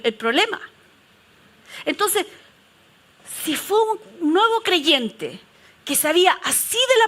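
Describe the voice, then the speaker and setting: A middle-aged woman pastor, preaching a lively storytelling sermon that moves between strong declarations and soft prayerful passages. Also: high-pitched.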